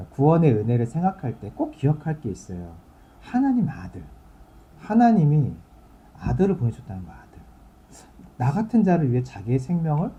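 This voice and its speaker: A man's voice: mid-range voice, highs cut off. A male pastor giving a sermon in a conversational, explaining way, reading scripture aloud and then talking it through for his congregation.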